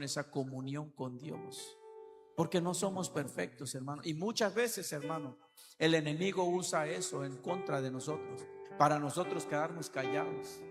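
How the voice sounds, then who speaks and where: Impassioned preacher man, echoing church. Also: on the high side. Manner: impassioned, swings from soft to loud. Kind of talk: sermon. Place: church hall. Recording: church reverb with keyboard music. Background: keyboard music.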